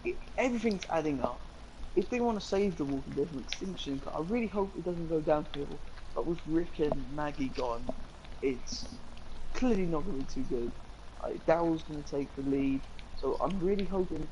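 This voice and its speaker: A man's voice: fairly high pitch, moderate pace, background noise. A young man, co-hosting a casual live-stream chat, rambling eagerly with lots of fillers. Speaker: co-host.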